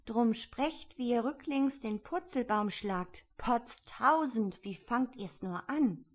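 A woman voicing a polite, timid young girl in a storybook reading, pitched up and eager. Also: expressive, slow. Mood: reciting. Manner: higher, eager, slightly tearful. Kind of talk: audiobook character voice.

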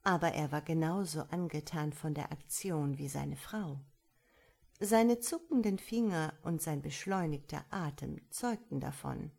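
A woman narrating a story as an audiobook reader in a calm, measured way. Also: sits low, creaky, husky.

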